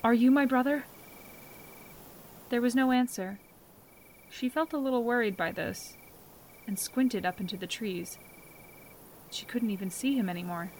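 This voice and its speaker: A woman giving soft, gentle, unhurried storybook narration. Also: medium pitch, a little hiss or hum.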